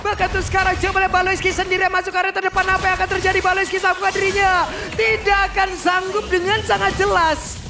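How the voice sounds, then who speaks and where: An Indonesian man commentating an esports match play-by-play like a fighting game announcer, with excited, drawn-out shouted calls. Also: extremely high pitch. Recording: music under the voice. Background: music.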